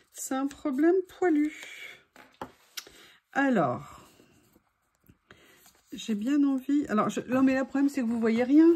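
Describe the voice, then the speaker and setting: High-pitched woman craft vlogger, chatty and playful, at home. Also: dark tone. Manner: chatty and playful, teasing asides to her dog. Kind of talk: casual chat while making a collage.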